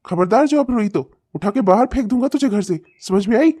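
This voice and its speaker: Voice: medium pitch, expressive, a little fast, very noisy, natural voice. A voice actor playing an abusive, short-tempered husband and father in a cartoon, hurling insults and threats. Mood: angry. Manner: shouting insults, snarling and threatening. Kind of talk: cartoon comedy voice acting.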